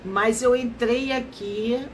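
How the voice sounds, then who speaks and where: A woman's voice: fairly high pitch, fairly even intonation, a little hiss or hum, poor audio. A woman, a therapist hosting a casual live stream, her voice nasal and stuffy from allergies. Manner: slow, unhurried, explanatory.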